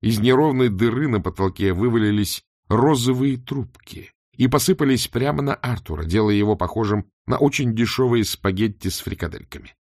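A man narrating an audiobook in an expressive storytelling manner. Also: medium pitch, moderate pace, few pauses, no echo, studio quality. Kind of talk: scripted narration.

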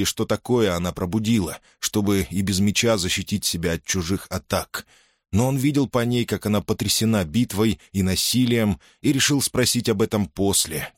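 In a clean studio recording with no room sound, a fairly low-pitched man reads scripted audiobook narration at a steady, measured storytelling pace.

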